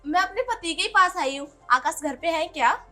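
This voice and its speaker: Young woman as a secret wife, very high voice, bright, cheeky, coaxing, comedy skit. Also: expressive, normal speed, soft background music, heavily acted. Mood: insistent. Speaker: comedy sketch actor.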